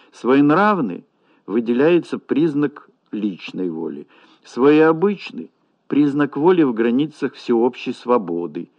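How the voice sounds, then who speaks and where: A man lecturing in a measured, deliberate way on correct language usage. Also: mid-range voice, creaky. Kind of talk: academic lecture on Russian usage. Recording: dull lo-fi recording.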